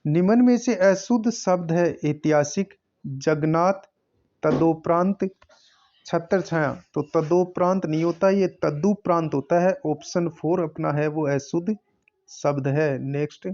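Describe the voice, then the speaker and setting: A man's voice: a little high, mellow, lo-fi sound. A man teaching, working through an exam paper question by question and repeating each answer. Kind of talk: exam paper solving lesson.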